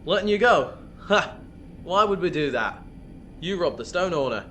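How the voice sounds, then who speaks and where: A man's voice: on the high side, lively intonation, moderate pace, bright, forceful tone. An actor playing a sneering, cruel male prison guard who taunts his prisoner. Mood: mocking. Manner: mocking, gloating, taunting. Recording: faint background noise.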